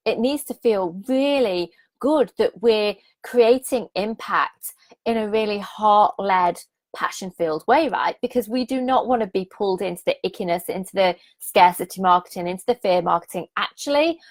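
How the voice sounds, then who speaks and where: A croaky-voiced woman in her thirties, pitched mid-range, hosts a live-streamed business coaching challenge. She's enthusiastic and repetitive, keeps asking viewers to comment, and laughs a lot.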